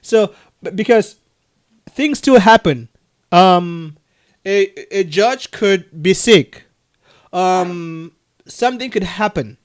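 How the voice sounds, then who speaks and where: Man from Cameroon, Cameroonian accent, high voice, earnest and halting over a video call. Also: expressive. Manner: earnest, many restarts and soft laughs. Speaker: adoption agency leader. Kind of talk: casual video call conversation.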